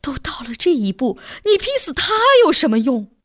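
An elderly village mother, protective and sharp-tongued, as a woman puts her on. She scolds and soothes in a lively, rising and falling voice, recorded dry and close for a storybook reading. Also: lowish voice, moderate pace, no room sound. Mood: scolding. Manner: scolding yet coaxing. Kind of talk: storybook narration.

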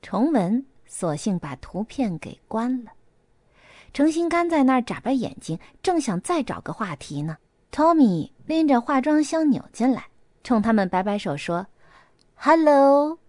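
A woman reads an audiobook in a lively storytelling manner, her pitch swinging up and down. Her voice sits a little high. The recording is dry and close. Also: normal speed, no room sound. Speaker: narrator. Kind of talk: audiobook narration.

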